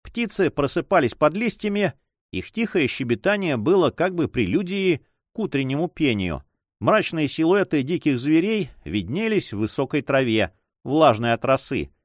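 Guy reading an adventure book aloud, very lively up and down voice, dry close sound. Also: on the high side, moderate pace, dry recording. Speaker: audiobook reader. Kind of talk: expressive audiobook narration.

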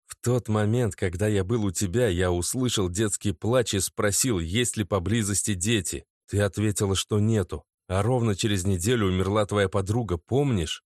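A man's voice: lowish voice, normal speed, few pauses, darkish tone, no echo, studio quality, natural voice. A man voicing a nervous young boyfriend who earnestly pleads to be believed.

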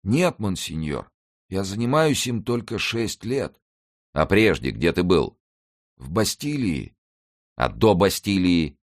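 A man's voice: sits low, big pitch swings, slow pace, pitched above the performer's own voice, full character voice. A man voicing an old male beggar who is humble, pious and tormented in an audiobook. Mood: hushed.

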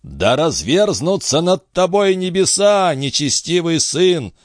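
A man's voice: mid-range voice, expressive, a little slow, dry recording, clean studio sound, voice pushed up, lightly acted. A man voicing a stern, wrathful old nobleman who commands his son. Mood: cursing. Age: older. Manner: commanding, threatening.

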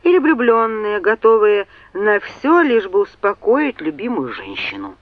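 Woman reading as a calm, cutting young man. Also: mid-range voice, a little slow, dry recording, phone-quality sound. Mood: cool. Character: cool-headed, needling young man.

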